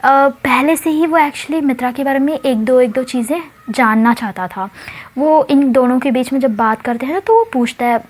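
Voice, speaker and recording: A woman narrating a love story in a chatty, casual way, mixing in English words. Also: sits high.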